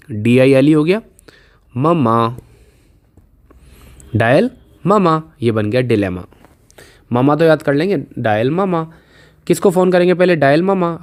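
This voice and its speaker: A man's voice: medium pitch, darkish tone. Patient man teaching spelling tricks. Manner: patient, repeats questions and answers, slows to spell out letters. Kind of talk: casual Hindi video lesson with memory tricks.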